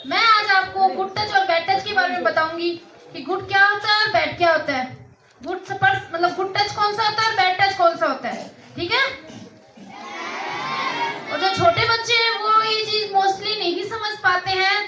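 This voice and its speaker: A woman's voice: very high voice, steady tone, moderate pace, lo-fi sound, noisy background. Woman trainer, coaxing, quizzes a crowd of children; distant echoey school recording. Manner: coaxing, asks children questions. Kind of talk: teaching schoolchildren.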